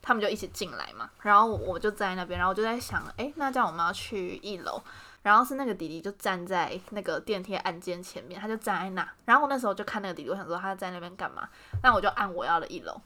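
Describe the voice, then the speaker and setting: A young woman with a Taiwanese Mandarin accent, co-hosting a podcast and telling stories in an animated way, laughing often. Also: medium pitch, fast talker. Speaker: podcast co-host. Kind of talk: casual chat.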